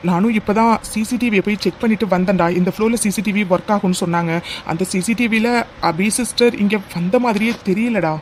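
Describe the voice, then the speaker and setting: An actor voicing a calm young man in a cartoon who takes charge and reassures his friends. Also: mid-range voice, brisk, a little hiss or hum, lightly acted. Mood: reassuring. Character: steady young man, brotherly friend calming others. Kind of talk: cartoon dub dialogue.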